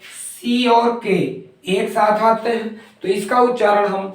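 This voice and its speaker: A high-voiced man teaches a phonics lesson at a slow, patient pace, saying each example word more than once. He sits well back from the mic in a heavily echoing room. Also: fairly even intonation. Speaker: English teacher. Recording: very echoey room, mic far off.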